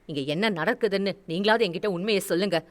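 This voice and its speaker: A woman voicing a furious, heartbroken elder brother who shouts, scolds and gives orders. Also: high-pitched, quick pace, pitched below the performer's own voice. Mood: stern commanding. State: tearful.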